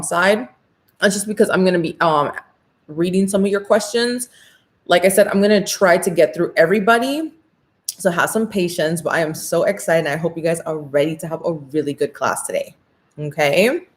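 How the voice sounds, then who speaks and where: American woman with braces, lowish voice. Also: moderate pace. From Orlando, Florida, USA. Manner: talking with new braces on her teeth; upbeat, excited, informal and slangy. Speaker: makeup workshop host. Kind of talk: casual live-stream class, chatting with viewers.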